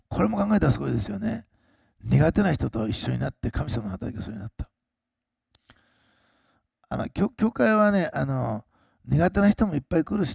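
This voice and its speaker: A pastor preaching a sermon, swinging between loud, slowed emphasis and quiet, low asides to the congregation. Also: male voice, gravelly, slightly rough, no room sound, studio quality.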